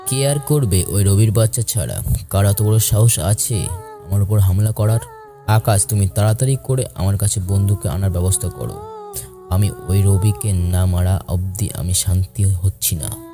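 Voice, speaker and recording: A man playing a hot-tempered, vengeful mafia boss who talks in a gruff, commanding way. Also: low-pitched, normal speed, music in the background. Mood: angry.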